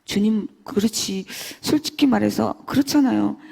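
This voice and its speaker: A woman giving an emotional church testimony, swinging between loud and hushed. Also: mid-range voice, normal speed, vocal fry, breathy edge. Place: church hall. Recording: long church hall reverb.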